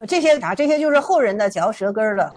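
A woman explains old Zen stories in an easygoing, conversational way, dropping into the voices of the people in them. Her voice sits high. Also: expressive, fast, darkish tone. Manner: colloquial, acts out dialogue in stories. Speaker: Zen teacher. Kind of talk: casual koan storytelling.

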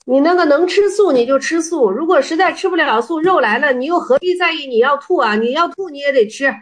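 A woman's voice: high-pitched, animated, fairly quick. A woman teaching a study group in a casual way, explaining old stories and dialogues. She often repeats phrases and acts out the dialogue in a livelier voice.

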